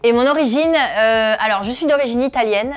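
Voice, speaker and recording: This comedian and video creator, a woman in her thirties from northeastern France, has a fairly high pitch and talks briskly. Answering interview questions, she hesitates a lot and uses many filler sounds.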